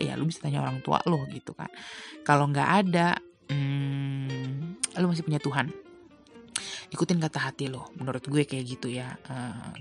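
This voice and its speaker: A young woman talks in a low, creaky voice, slangy and chatty. She keeps asking rhetorical questions as she gives advice. Soft guitar plays faintly behind her. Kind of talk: casual advice monologue. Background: faint guitar music.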